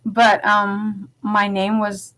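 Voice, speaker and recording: A young woman telling a personal story in a soft, hesitant way, with many pauses and fillers. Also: mid-range voice, completely flat delivery. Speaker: vlogger. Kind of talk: personal testimony.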